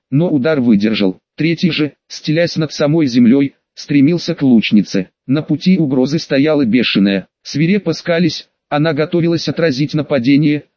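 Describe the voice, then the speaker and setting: A man giving a measured, dramatic reading as an audiobook narrator. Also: fairly high pitch, a little mellow, no echo, muffled recording.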